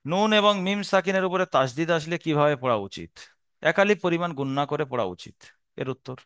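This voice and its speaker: Man teaching Quran reading, slow and patient. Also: a little high, fairly bright tone, smooth, no room sound, clean studio sound. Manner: patient, repetitive explaining with slow drawn-out Arabic syllables. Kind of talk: step-by-step recitation lesson.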